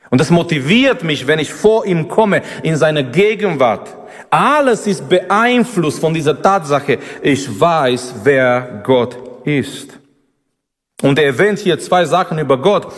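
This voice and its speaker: A man preaching a sermon, emphatic and repetitive, his pitch rising and dropping from line to line. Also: big-room sound.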